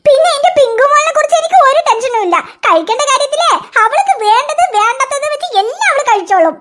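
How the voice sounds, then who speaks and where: A woman's voice: very high-pitched, sing-song, fast, noisy background. A performer voicing a talkative neighbor mother in a cartoon, who rambles and chatters at length. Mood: chatty. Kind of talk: cartoon voice acting.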